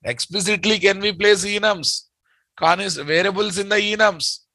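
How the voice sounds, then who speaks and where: A man's voice: high voice, fairly even intonation, normal speed, bright, forceful tone, no echo. A man with a Telugu Indian accent teaching programming live, speaking emphatically, repeating his statements and quizzing his students.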